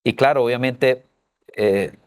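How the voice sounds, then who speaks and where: Man, middle-aged, church parenting co-teacher, emphatic storyteller, mid-pitched voice. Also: unhurried, a little mellow, clean tone. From Colombia.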